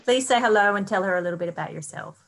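A woman's voice: mid-range voice, fast talker, fairly bright tone. A woman class teacher keeps things chatty and encouraging, with a mid-range voice. She talks over a video call. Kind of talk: online class chat.

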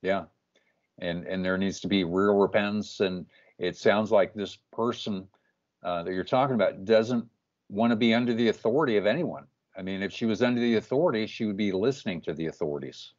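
Firm low-voiced male interview host. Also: brisk, a little mellow. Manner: firm, emphatic, keeps saying "you know what". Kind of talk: casual interview. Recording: muffled lo-fi call audio.

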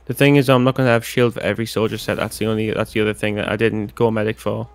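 A man's voice: lowish voice, level tone, rapid-fire, clear, resonant tone. A man speedrunning a game, chatting casually in team callouts over voice chat, with some swearing. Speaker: speedrunner playing a team shooter. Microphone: gaming voice chat.

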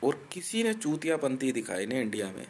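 A man's voice: mid-range voice, big pitch swings, brisk, darkish tone, slight background noise. A man from India delivering a profane ranting monologue, aggressive and taunting, swearing constantly and laughing between threats.

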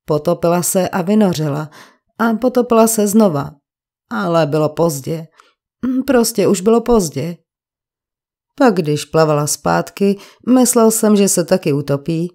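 Gruff working-class bricklayer witness, coarse and grumbling, low dark voice, read by a woman for a crime audiobook. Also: animated. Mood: defensive grumbling. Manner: coarse colloquial speech, grumbling.

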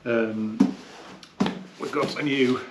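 A man's voice: mid-range voice, fairly even intonation, slow, reverberant. A man who runs a hi-fi shop, chatting casually while he unboxes gear, thinking aloud, sometimes drifting off the mic. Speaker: hi-fi dealer. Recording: noisy room tone with clicks.

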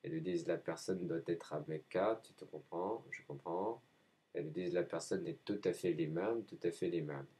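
Super deep raspy guy talking to himself, halting, says everything twice. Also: warm tone. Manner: repeats himself, answers his own questions; halting, frequent hesitations. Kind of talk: rambling spoken monologue.

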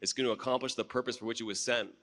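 A man's voice: mid-range voice, fairly even intonation, racing, a bit bright. A man, a pastor on a conference panel, speaking earnestly and declaratively into a handheld mic. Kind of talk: panel discussion answer. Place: large conference hall stage.

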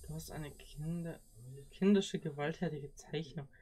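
A woman's voice: sits low, a little slow, warm tone, a little hiss or hum. A woman doing live commentary on a horror game, easily spooked and prone to exclamations. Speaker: game streamer.

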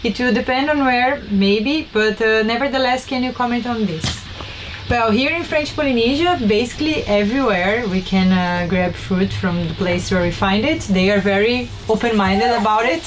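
Woman in a boat cabin reading viewer questions, slightly high voice, some hiss in the background. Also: moderate pace, low-quality recording. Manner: friendly, conversational Q&A reading. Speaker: sailing vlogger. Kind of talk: casual chat. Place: inside a sailboat cabin.

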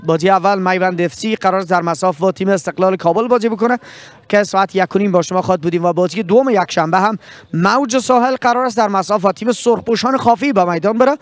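With a high voice and no echo, a young male presenter with an Afghan Dari accent interviews someone after a match and signs off. He works outdoors with a handheld mic by a pitchside sponsor backdrop, his delivery formal and broadcaster-fluent.

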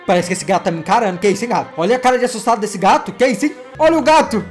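A man, hosting his channel and reacting to funny cat clips in an excitable, playful way, teasing himself and his pets. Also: sits high, racing, faint music behind. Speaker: YouTube gaming host.

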